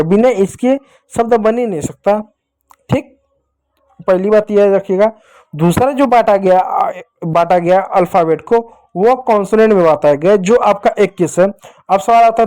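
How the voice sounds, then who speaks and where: A man with a notably high voice teaches a children's lesson at a whiteboard. He is patient, slows down to spell out sounds and keeps asking the kids questions. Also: mellow.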